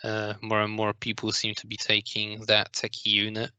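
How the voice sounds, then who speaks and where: Bright-voiced male interviewer. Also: lowish voice, monotone, normal speed, clean tone, dry recording. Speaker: podcast host, interviewer. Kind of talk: casual interview.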